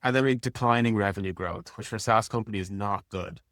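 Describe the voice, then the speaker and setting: This interview guest speaks fast in a fairly low, fairly bright voice, recorded at studio quality without echo. His answers are casual and plain-spoken, resembling an executive talking informally about work.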